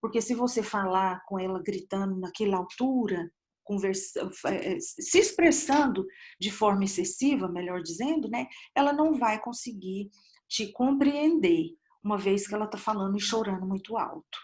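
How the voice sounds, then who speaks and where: A woman's voice: medium pitch, normal speed, darkish tone. Chatty woman lecturing an online class. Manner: conversational, with many fillers and restarts. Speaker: dentistry lecturer. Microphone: computer mic on a video call.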